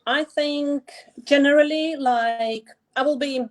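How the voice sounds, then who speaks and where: A woman from Latvia, a guest on an online talk, speaking in a hesitant, halting way. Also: high-pitched, steady tone, low-quality recording. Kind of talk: online event chat.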